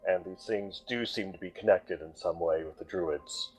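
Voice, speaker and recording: Man playing a deep, deliberate adventurer. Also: over loud music, lightly acted, low-quality recording. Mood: solemn. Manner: deliberate, storyteller-like. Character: measured male adventurer formally recounting a quest.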